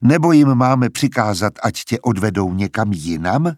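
A man reading a cold, mocking older woman scientist with slow, condescending taunts in a husky voice. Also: fairly low pitch, expressive, darkish tone, no room sound, clean studio sound. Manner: condescending, sly, drawn-out taunts.

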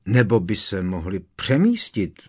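Curious teenage schoolboy wizard from a storybook, read by a man in his own fairly low voice. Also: wildly swooping pitch, dark tone, husky, exaggerated voice. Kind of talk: audiobook reading.

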